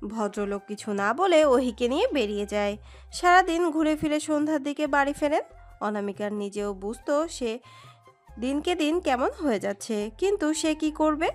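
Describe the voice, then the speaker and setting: A woman reading a romantic story aloud in an expressive, dramatic narration. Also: high-pitched, normal speed. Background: soft background music.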